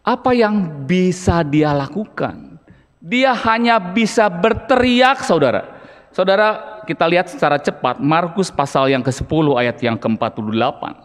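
An earnest, emphatic man delivers a sermon, often turning to his listeners. His voice sits high for a man. A long church-hall reverb trails behind him. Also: animated, normal speed. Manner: earnest, emphatic, addresses listeners as brothers and sisters. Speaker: deacon preacher.

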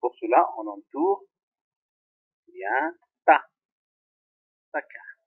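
A man teaching French grammar to pupils, repeating each example slowly. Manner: slow, repeating examples, very lively pitch. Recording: tinny phone-like sound.

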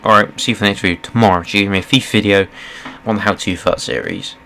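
A man's voice: on the low side, fairly even intonation, rapid-fire, pushed and bright, slight background noise. Swearing young man narrating his gameplay. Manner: swears freely, shifts between mutters and outbursts. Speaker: gaming channel host. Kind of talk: casual gameplay commentary.

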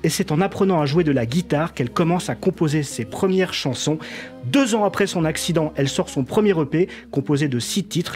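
A man's voice: fairly high pitch, a little mellow. A man presenting a radio culture segment, telling an artist's story with a frequent tag word. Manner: frequent filler "hein", storytelling delivery. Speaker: radio columnist.

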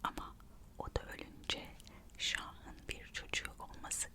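A storyteller whispers an ASMR narration, reading aloud and adding gossipy, musing asides. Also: unhurried. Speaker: ASMR host narrating royal history.

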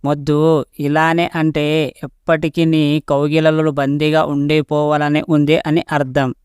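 A man's voice: on the high side, level tone, measured pace, a little mellow, smooth, dry recording, studio quality, natural voice. A man voicing a teasing, affectionate young woman in a spoken love story, asking playful questions. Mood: tender.

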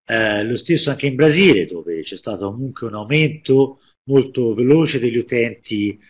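A man's voice: medium pitch, lively intonation, normal speed, husky. A man with an Italian accent presenting a webinar, explaining step by step with many hesitations and restarts.

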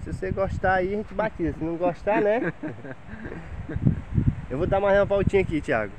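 A thirtysomething travel vlogger with a high-pitched, expressive voice strolls through a seaside campground at a moderate pace, chatting cheerfully for his casual vlog. He films on a handheld phone, whose mic picks up heavy wind from the blustery outdoor beach setting.

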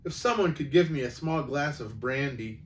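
A man voicing a shaken, fussy old gentleman with a faint, genteel voice in a storybook reading. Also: mid-range voice, moderate pace, reverberant, recorded from a distance, a little hiss or hum, lightly acted. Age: older.

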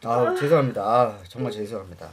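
A man's voice: mid-range voice, fast, very noisy, natural voice. A man playing a cheating, gambling husband who apologises and begs, with other voices in the background. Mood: apologetic. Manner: apologetic, begging, pleading.

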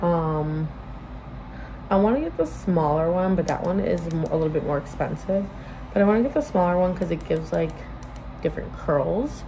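A woman with a lowish, expressive voice at normal speed chats to camera for a get-ready-with-me vlog. She's rambling, informal and keeps breaking off her own sentences. The phone sits propped at arm's length in a small bedroom-like room, and the recording picks up room noise.

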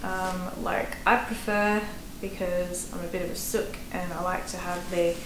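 An Australian woman who vlogs about hiking gives casual gear advice to camera from a small indoor room, chatty and practical with fillers. Her lowish voice is flat and measured, and the recording carries roomy echo and faint background noise.

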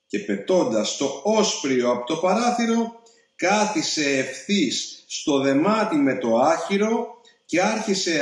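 Man reading kids' rhymes, lively high-ish voice, big echoey room. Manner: theatrical, sing-song rhyming delivery. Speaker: reader. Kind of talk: rhyming storybook reading.

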